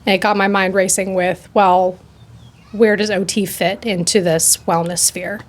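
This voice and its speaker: A young woman in her twenties, a new occupational therapy graduate, talking in a quick, chatty way with lots of "like" and restarts in a casual interview. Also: mid-range voice, little pitch movement.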